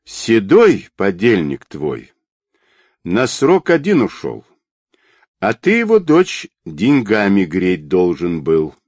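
A man's voice: deep voice, wildly swooping pitch, slow, a little mellow, no room sound, full character voice. A sneering fake police captain , put on by a male reader, who swings between mockery and cold threats. His voice leaps up when he taunts and sits in a dry, close recording. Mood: threatening. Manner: mocking, sarcastic, threatening.

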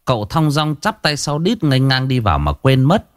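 Male storyteller, wry and expressive; dry, close sound. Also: mid-range voice, moderate pace, no echo. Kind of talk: comic ghost-story narration.

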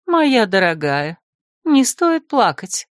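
A composed noblewoman teacher who speaks calmly and slowly with a touch of dry irony, as voiced by a woman narrator. The sound is dry and close. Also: fairly high pitch, no room sound. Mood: soothing. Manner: composed, gently wry. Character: calm aristocratic female teacher, rector's wife.

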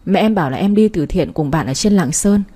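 A woman reading the lines of a tender, teasing young man in a romance story, speaking with soft, affectionate reassurance. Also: fairly low pitch, animated, brisk, husky.

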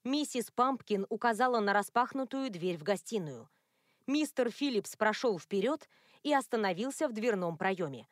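A woman narrates a novel as an audiobook reader, delivering scripted narration in an even, measured way. Her voice is medium-pitched, recorded in studio quality with no room sound.

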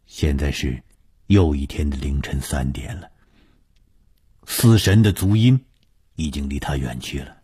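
Deep husky male storyteller. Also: a little slow, long pauses, dark tone. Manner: dramatic, rising on tense moments. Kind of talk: long-form serial story reading.

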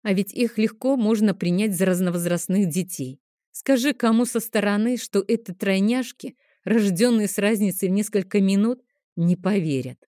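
A woman narrating a first-person audiobook in a gentle, expressive storytelling manner. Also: mid-range voice, moderate pace, no room sound, studio quality.

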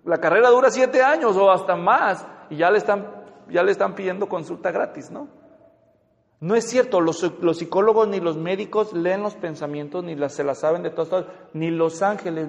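Male speaker, high, animated seminar voice, dull lo-fi sound, long hall reverb. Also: creaky. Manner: animated, jokey, acts out spouses' lines. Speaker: marriage counselor and speaker. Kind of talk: lively seminar talk with acted quotes.

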